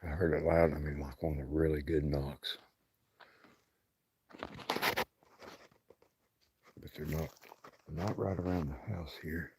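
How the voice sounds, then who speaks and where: A man's voice: a bass voice, steady tone, slow, pauses often. A man with an Appalachian accent and a folksy rural way of talking, chatting casually on a livestream. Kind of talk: casual fireside livestream chat. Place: outdoors at night by a fire. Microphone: handheld phone. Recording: clearly noisy outdoor phone recording.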